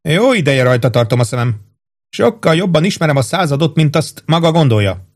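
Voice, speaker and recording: A man's voice: on the high side, expressive, pitched above the performer's own voice. A man reading an audiobook, voicing a pompous, fussy middle-aged army captain with a raised, insistent, self-satisfied voice. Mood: bossy.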